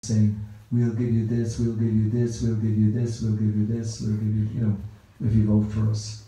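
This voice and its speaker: An Irish man gives a rambling, conversational Sunday talk in a very echoey temple hall, repeating words as he goes. His voice is on the low side and dark, with completely flat delivery at normal speed.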